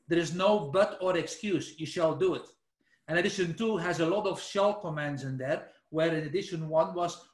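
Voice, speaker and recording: This Belgian man speaks in a high voice with a Flemish accent, and the audio sounds roomy. Presenting a technical webinar over a shared screen where he stays out of view, he keeps things casual and explanatory, peppered with self-corrections and "let's say."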